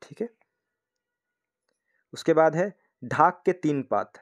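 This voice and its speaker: A man's voice: a little high, expressive, slow. A young man teaching exam prep, asking the class questions and then answering them himself. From India. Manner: asks the class questions and answers them himself, says "thik hai" often. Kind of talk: explaining test questions in a lesson.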